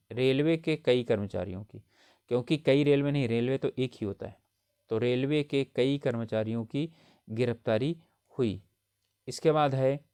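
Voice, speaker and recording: This grammar lesson for exam preparation comes from a man whose mid-range voice carries a darkish tone, captured dry and at studio quality. He goes through every correction patiently and explanatorily, repeating himself and often asking "theek hai" to check on his students.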